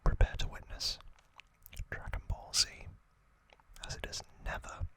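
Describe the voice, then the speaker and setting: Whispering breathily without voicing, a man hosts ASMR trivia right up against the microphone. His sharp-toned phrases are drawn out and broken by frequent pauses.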